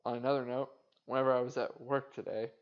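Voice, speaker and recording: A man hosting a podcast, rambling casually in a flat, indifferent way, swearing and making fun of himself. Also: mid-range voice, fast. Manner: casual, swearing, self-mocking. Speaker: podcast host. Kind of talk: rambling solo monologue. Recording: dull lo-fi sound.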